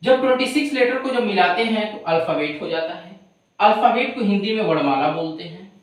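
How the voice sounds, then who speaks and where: A woman teaching an English lesson, drilling pronunciation slowly and often checking whether the class follows. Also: medium pitch, expressive, heavy reverb, far from the mic, rough recording. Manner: drills words slowly, often asks if students understand. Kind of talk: classroom-style tutorial.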